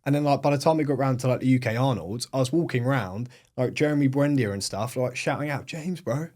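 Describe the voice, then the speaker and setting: Speaking quickly in a medium-pitched, slightly mellow voice, a young British agency owner chats as a podcast guest. His English accent is clear, and he fills the conversation with plenty of "like" and "um".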